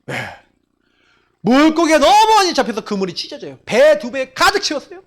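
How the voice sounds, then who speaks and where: A man's voice: very high-pitched, sing-song, normal speed. A male pastor preaching a sermon, telling stories with acted-out quotes and frequent rhetorical questions to the congregation.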